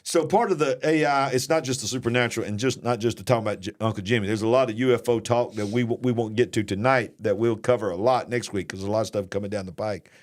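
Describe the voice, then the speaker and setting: Talking quickly with few pauses, a Southern US host with a fairly low voice offers laid-back live-stream commentary. He jokes in a folksy manner and mocks people who put on fake accents.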